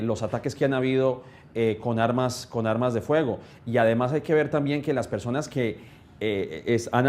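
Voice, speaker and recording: Man arguing calmly on a news panel. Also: medium pitch. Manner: measured, deliberate argument. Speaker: panel analyst. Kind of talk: live news debate.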